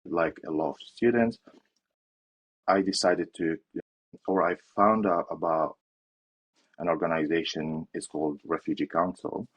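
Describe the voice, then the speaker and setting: A man's voice: deep voice, fairly even intonation, a little slow, long pauses, slightly rough, lo-fi sound. A young man from Syria answering interview questions in a hesitant way, with fillers and restarts. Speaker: interview guest.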